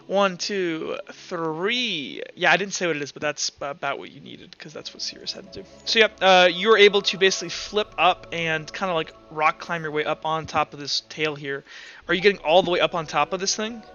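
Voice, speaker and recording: Improvising the action of a tabletop game, a man serving as game master thinks aloud as he goes at a brisk pace. His fairly high voice is forward and bright. Faint music sits under a slightly dull recording.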